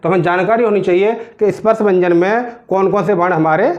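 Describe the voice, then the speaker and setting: A man's voice: high voice, a little fast. A male teacher giving a grammar lesson, asking questions and answering them himself, often checking in with his students. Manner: keeps checking in with "theek hai na". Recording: dull lo-fi recording.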